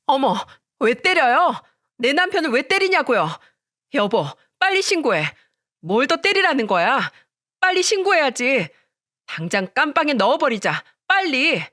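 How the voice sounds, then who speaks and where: Woman narrator doing a snobbish, shrill young wife in a storybook drama; high, lively, swinging delivery, dry close sound. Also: measured pace, no echo, heavily acted. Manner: shrill and haughty.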